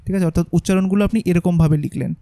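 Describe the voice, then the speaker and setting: A man, patiently walking viewers through a screen-recorded software tutorial step by step and often checking that they follow. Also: high-pitched, very fast, no echo. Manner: patient, explaining step by step with frequent check-ins. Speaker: tutorial instructor.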